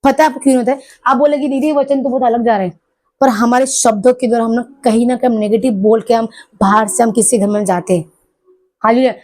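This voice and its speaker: A woman's voice: on the high side, fairly even intonation, quick pace, a little mellow. A middle-aged woman preaching a church sermon, with many hallelujahs, asking the congregation questions. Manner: call-and-response preaching, repeated hallelujahs. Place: church hall.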